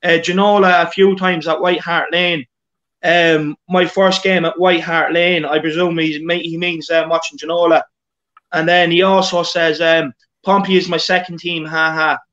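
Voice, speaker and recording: Reading live viewer comments aloud, an Irish host of an informal football show leans heavily on filler words and keeps restarting and repeating himself. He speaks at normal speed in a fairly high, slightly bright voice with little pitch variation, and the audio is dull.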